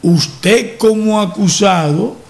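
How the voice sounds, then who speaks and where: A man hosting talk radio in a notably high voice. He speaks with a gravelly edge. He argues emphatically and lectures, restarting phrases as he goes. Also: slow pace.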